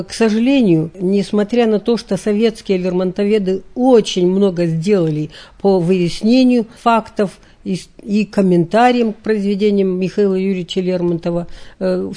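Older female literary scholar, interview guest, measured and earnest, hesitant pauses, mellow voice. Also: medium pitch. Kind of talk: interview answers, lecturing tone.

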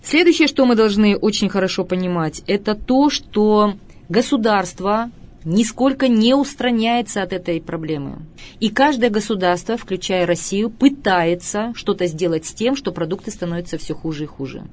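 A middle-aged woman speaking as an expert guest, lecturing emphatically and slowing down to stress her points. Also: medium pitch, darkish tone. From Russia. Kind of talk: studio talk show interview.

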